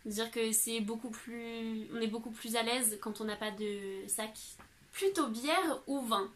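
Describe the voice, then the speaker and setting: Bright-voiced young French woman vlogger. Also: on the high side, a little slow. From France. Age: young adult. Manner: chatty, answering questions with fillers and laughs. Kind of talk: casual Q&A vlog.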